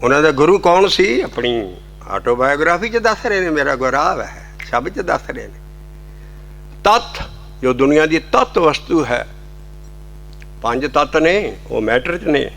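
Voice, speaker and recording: A man's voice: fairly high pitch, sing-song, measured pace, creaky, fairly bright tone, slight background noise. A man giving a devotional sermon, explaining scripture and breaking into sung hymn lines. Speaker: kirtan singer and preacher.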